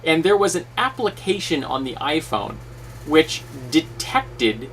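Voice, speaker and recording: A man's voice: a little high, measured pace. A man talking casually to camera as a YouTube host, recorded at home. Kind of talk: casual talk to camera about tabletop role-playing. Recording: distant mic, steady fan noise. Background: whirring fan noise.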